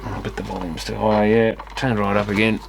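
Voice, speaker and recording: This electronics repair vlogger has a fairly low, level voice and a brisk delivery as he mutters and mildly complains while examining gear. It's casual, spontaneous commentary recorded in his workshop through a clicky external camera mic with obvious noise.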